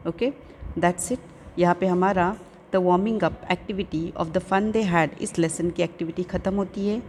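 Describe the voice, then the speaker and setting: A woman's voice: lowish voice, darkish tone, slight background noise. A woman teacher with an Urdu-speaking Indian accent, explaining an English lesson and carefully sounding out English words, repeating each one.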